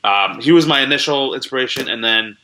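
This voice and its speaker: A man's voice: mid-range voice, a little fast, pushed and bright, rough recording. A young man from Canada, a comedian chatting as a guest over a video call in a laid-back, slangy way. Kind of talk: casual interview chat.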